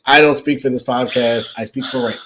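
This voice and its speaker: A man's voice: mid-range voice, fairly even intonation, a little fast, bright, forceful tone, slight background noise. A young man co-hosting a casual couple's podcast, joking and teasing as he talks. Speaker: podcast co-host.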